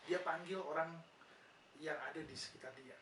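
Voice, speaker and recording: A man with an Indonesian accent, his voice fairly high and a bit bright, lectures on nursing psychology at normal speed. He explains patiently and answers his own questions, using "ya" as a frequent filler. The mic is distant in a roomy space with a noisy background.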